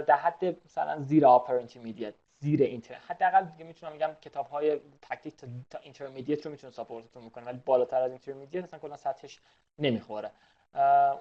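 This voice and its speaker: A man's voice: on the high side, dull audio. A man teaching an IELTS webinar in a chatty, casual lecture style, full of fillers and English terms.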